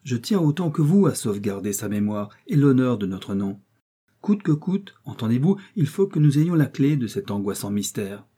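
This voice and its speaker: A man's voice: medium pitch, big pitch swings, moderate pace, mellow, slightly rough. A man voicing a determined young woman from a storybook who speaks with cold, insistent resolve. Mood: firm. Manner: firm, insistent pleading.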